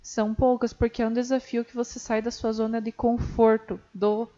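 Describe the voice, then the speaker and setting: A woman's voice: fairly high pitch, level tone, normal speed, dark tone. A woman, a guest on a podcast, talking earnestly and encouragingly in long run-on sentences. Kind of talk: casual chat. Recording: muffled lo-fi audio.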